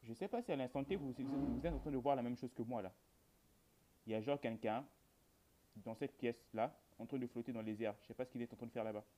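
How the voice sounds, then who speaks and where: A man's voice: medium pitch, quick pace, warm tone, slight background noise. A man giving casual horror game commentary, rambling to his viewers in colloquial speech with dry jokes. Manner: rambling, addresses viewers, colloquial, dryly joking. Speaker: gamer, video host.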